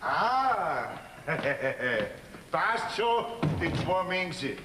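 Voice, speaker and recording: A man's voice: on the high side, sing-song, drawn-out words, background noise, exaggerated voice. An actor with a Bavarian accent playing a jovial, teasing old farmer grandfather in a folk theater comedy. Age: older. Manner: teasing, folksy, chuckling. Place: theater stage. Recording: roomy stage sound from far off.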